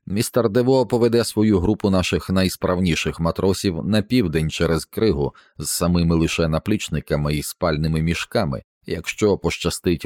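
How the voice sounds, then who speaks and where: A man voicing a stern middle-aged ship's captain giving firm, measured orders in an audiobook. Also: low voice, a little mellow, no room sound, clean studio sound, lightly acted. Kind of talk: audiobook character reading.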